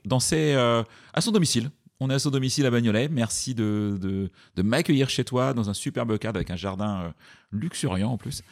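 A man's voice: medium pitch, creaky, darkish tone. A man hosting a podcast and interviewing a guest, hesitating often with fillers. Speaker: podcast host.

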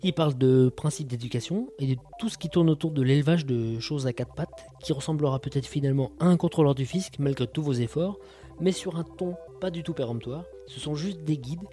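Mellow, jokey man reviewing podcasts. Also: fairly high pitch, brisk, soft background music. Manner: jokey and sardonic, full of quips. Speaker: podcast host reviewing audio shows. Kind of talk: casual chat.

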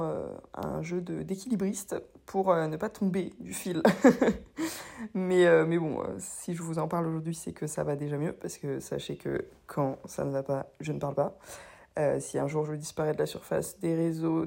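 Hoarse, honking young woman, low and dark. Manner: hesitant, rambling, self-deprecating. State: hoarse with a lingering cough after illness. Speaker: podcast host. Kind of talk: casual confessional solo talk.

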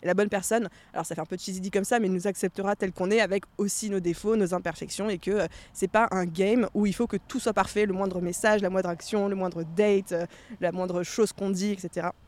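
A woman co-hosting a podcast in casual chat, animated and dropping English slang words into her talk. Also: medium pitch, fairly quick. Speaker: podcast co-host.

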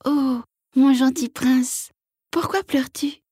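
A tiny, gentle frog princess from a storybook speaks in a soft little voice, as a woman reader puts her on. She sits far above the reader's own low register, sweet and small. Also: steady tone, slow, husky, dry recording, studio quality, exaggerated voice. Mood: tender.

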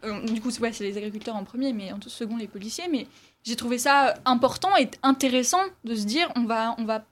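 A woman's voice: a little high, a little fast. A woman reviewing a film in casual talk, hesitant, with many fillers and restarts.

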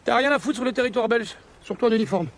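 An actor with a Belgian French accent playing a bigoted, hot-tempered customs officer who snarls threats. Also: male voice, very high-pitched, fast talker, slight background noise. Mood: hostile. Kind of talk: film dialogue.

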